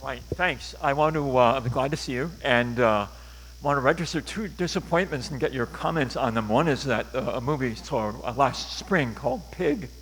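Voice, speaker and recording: A man asking a question over a call connection that keeps breaking up and dropping out, talking hesitantly with many filler pauses. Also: mid-range voice, fairly bright tone, big-room sound, slight background noise, rough recording. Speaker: caller asking a film critic questions. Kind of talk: casual question from a participant.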